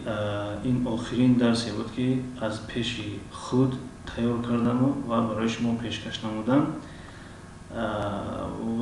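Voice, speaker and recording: A man with a Tajik accent teaches in a measured, hesitant way, stretching his fillers and saying each example word more than once. His voice sits at an ordinary middle pitch. He is recorded from a distance in a very echoey room with a faint hiss behind him. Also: a little mellow. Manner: hesitant, with many drawn-out fillers and frequent throat-clearing. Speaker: English teacher. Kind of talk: language lesson.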